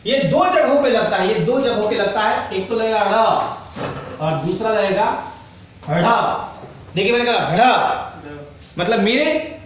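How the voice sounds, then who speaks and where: A man's voice: high-pitched, lively intonation, normal speed, very echoey, recorded from a distance, dull audio, slight background noise. A male Hindi teacher giving a grammar lesson to a class, asking questions often and acting out students' doubts. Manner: acts out students' doubts in quoted asides.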